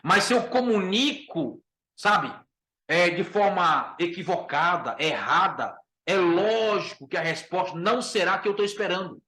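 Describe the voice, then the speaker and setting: Brazilian preacher in an echoey room. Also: male voice, high voice, expressive, measured pace, pushed and bright. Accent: Brazilian Portuguese. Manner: emphatic, repeats key phrases, addresses listeners as brother. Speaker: pastor teaching a class. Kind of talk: Bible lesson.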